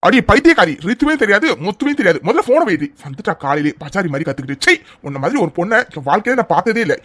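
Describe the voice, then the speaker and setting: A man voicing an irritated young man in a cartoon, talking indignantly with sharp exclamations. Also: sits high, very animated, rapid-fire, exaggerated voice.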